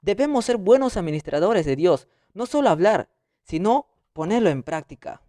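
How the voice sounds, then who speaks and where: A man's voice: high voice, big pitch swings, moderate pace, mellow, dry recording, studio quality. A young man presenting a read-aloud summary of a theology reading, going through numbered points one by one. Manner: reads from notes, lists points one by one.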